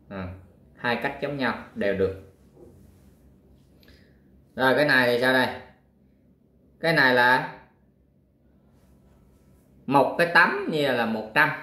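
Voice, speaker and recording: Working through a worksheet, a man teaching math counts the squares out loud at a slow, patient pace, filling frequent pauses with filler words. His fairly bright voice is mid-pitched, and the room gives it an echo.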